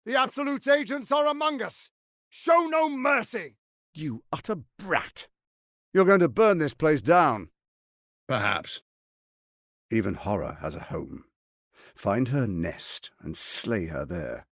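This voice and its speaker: An actor voicing Enver Gortash, a scheming, grandiose tyrant archduke in a video game, with a theatrical, articulate and condescending way of speaking. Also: male voice, on the high side, animated, slow pace, a bit bright, dry recording, clean studio sound, heavily acted. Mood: commanding, angry.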